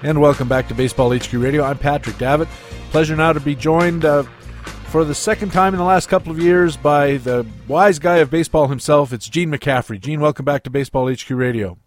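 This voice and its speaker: A man's voice: on the high side, brisk, faint music behind. A man hosting a sports talk radio show, moving between questions, introductions and promotional reads.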